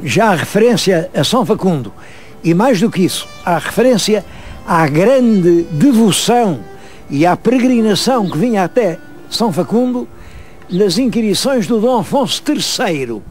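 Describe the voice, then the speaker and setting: A man's voice: high voice, expressive, normal speed, a little mellow, faint music behind. A man with a European Portuguese accent, a history presenter who tells a local story vividly and speaks directly to his viewers. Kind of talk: storytelling to camera on location.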